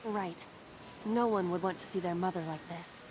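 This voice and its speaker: A woman playing a composed AI partner in a video game, speaking in a measured, precise, explanatory way. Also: fairly low pitch, steady tone, noisy background, lightly acted. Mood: analytical, composed. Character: composed female AI partner guiding a detective.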